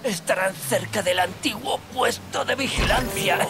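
Game dub: a captured thug, high voice, slow and low-key, noisy distant audio. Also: male voice. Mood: grudging.

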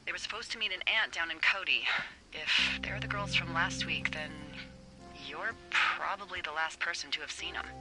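A woman's voice: on the low side, normal speed, loud music behind the voice, close to an everyday voice, poor audio. A woman voicing a teasing, dry-humored fire lookout supervisor talking over a radio in a video game. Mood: serious. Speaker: game character.

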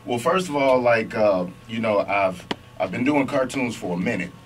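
Laid-back low-voiced man, distant. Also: animated, moderate pace. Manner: easygoing, affirming with repeated yeahs. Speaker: comedian and animator guest. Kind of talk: casual radio interview. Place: radio studio. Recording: distant camera sound with faint noise.

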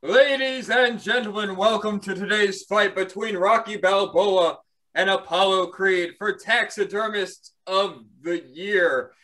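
An improv performer playing a showy fight announcer and judge in a comedy scene. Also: male voice, high voice, a little slow, pushed and bright. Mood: announcing. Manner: announcing, then casual instructions.

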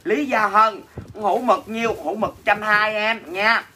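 A man's voice: sits high, fairly even intonation, takes it slowly, pushed and bright, husky. A man with a Southern Vietnamese accent hosting a livestream sale, reading out and answering viewer comments in dramatic, teasing, mock-complaining banter. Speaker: livestream seller and host. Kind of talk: casual livestream selling chat.

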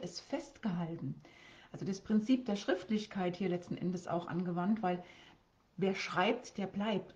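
A woman's voice: mid-range voice, warm tone, dull audio. A woman speaking as a life coach on a live stream, asking viewers lots of questions and often repeating words and restarting her sentences.

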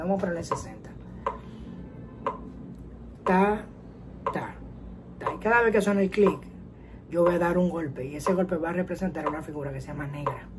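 A woman teaching a guitar lesson, explaining calmly step by step and counting rhythms out loud. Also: low-pitched, background noise. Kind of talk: casual music lesson. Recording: guitar and metronome playing behind. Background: guitar playing and metronome clicks.

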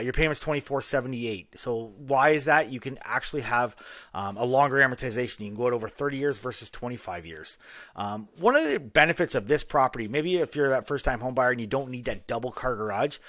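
A fast-talking man in his forties explains a home purchase step by step, with an upbeat sales pitch. His voice sits at a middle pitch and is recorded dry and close, with no room echo. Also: fairly bright tone. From Canada. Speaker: mortgage agent. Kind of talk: screen-share walkthrough.

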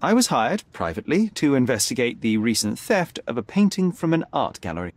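An actor voices a young detective who is confident and sharp, speaking formally and articulately in a dramatic video game style, needling yet unflappable. His male voice is medium-pitched, sing-song and fairly quick, with a measured, probing mood.

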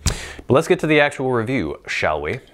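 A man in his thirties or forties giving an informal product review to camera, explaining in a measured, casual way with playful asides. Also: mid-range voice, big pitch swings, fairly bright tone. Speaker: pipe tobacco reviewer. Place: small indoor set with plain backdrop. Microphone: lapel mic.

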